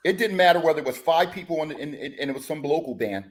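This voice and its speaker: A man's voice: a little high, expressive, quick pace. A man who leads a band, chatting as a podcast guest, rambling with lots of fillers and restarts. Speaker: guest musician, bandleader. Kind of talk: casual podcast chat.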